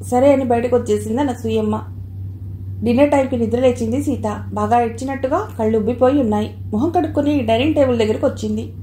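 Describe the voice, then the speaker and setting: Mellow-voiced woman reading an audio novel. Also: a little high, fast. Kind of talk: scripted narration. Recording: echoey room, faint hiss.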